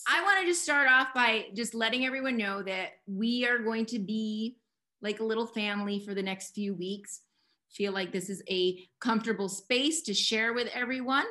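A woman from the United States hosting a group video call, upbeat and excited, chatting informally with fillers. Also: a little high, moderate pace. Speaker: host and youth mentor.

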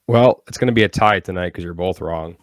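A man co-hosting a podcast, reading trivia questions out slowly and steadily. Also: low-pitched, no room sound. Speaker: podcast co-host running trivia. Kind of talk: casual chat, quiz hosting.

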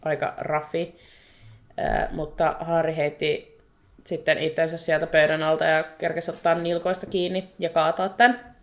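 A woman with a notably low voice co-hosts a chatty podcast, walking through a book chapter. She talks in an animated, exasperated way and breaks into quick laughter. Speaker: podcast co-host. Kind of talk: casual chat retelling a book chapter.

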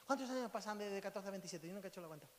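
Un pastor con acento de España que predica contando historias con humor y gritos repentinos. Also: male voice, high-pitched, animated, rapid-fire. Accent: Spain Spanish. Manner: storytelling, sudden loud cries and laughs. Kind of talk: lively sermon with jokes. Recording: long hall reverb, faint hiss.

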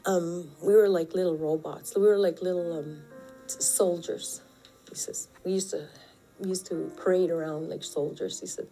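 A woman recounts her family's story in a hesitant, conversational way, her voice low and mellow. Soft music plays faintly beneath. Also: low-quality recording. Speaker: interviewee. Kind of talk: interview testimony.

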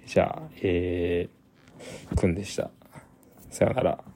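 A man's voice: low-pitched, level tone, slow pace, warm tone. A young man hosting a casual solo podcast, rambling with many restarts and repeated fillers. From Japan. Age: young adult. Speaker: podcast host.

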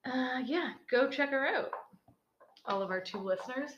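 A woman's voice: sits high, lively intonation, normal speed, fairly bright tone, echoey room, highs cut off, a little hiss or hum. A woman co-hosting a casual podcast, joking and irreverent, from Canada. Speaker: podcast co-host. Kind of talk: casual chat.

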